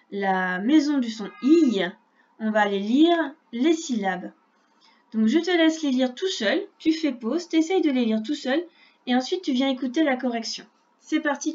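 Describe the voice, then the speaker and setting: A woman teaching a reading lesson to young children, speaking slowly and clearly and spelling out sounds patiently. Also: sits high, darkish tone, muffled recording. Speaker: primary school teacher.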